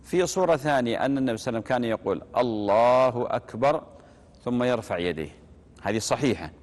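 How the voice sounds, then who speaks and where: A man giving religious instruction on prayer, repeating key phrases and demonstrating them slowly. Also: medium pitch, darkish tone. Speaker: religious teacher. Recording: long reverb.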